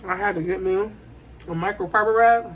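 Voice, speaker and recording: A woman chatting casually and emphatically to her viewers while eating, repeating phrases and pausing with little mm sounds. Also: medium pitch, steady tone, lo-fi sound, slight background noise. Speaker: mukbang vlogger.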